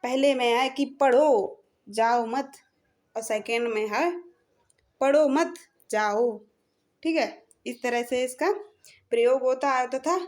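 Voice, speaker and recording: High-voiced woman teaching grammar. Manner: slow, repeats points, says "theek hai" often. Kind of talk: explaining a grammar lesson.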